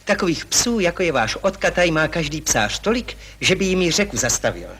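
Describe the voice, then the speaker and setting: Casting: a prickly, hypochondriac gentleman suitor, formal and quarrelsome, voice swinging widely in pitch, 1960s TV play. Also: big pitch swings, husky, exaggerated voice. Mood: argumentative. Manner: stiffly formal and argumentative, complains of heart palpitations. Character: fussy hypochondriac young landowner, touchy. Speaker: anxious suitor in a stage comedy. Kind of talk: 1960s television stage acting.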